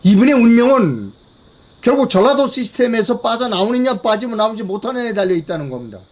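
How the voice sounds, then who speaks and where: Emphatic high-voiced older man commentator. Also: animated, fast. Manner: emphatic, repetitive, rhetorical questions to viewers. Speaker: political commentator. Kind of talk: political news briefing monologue.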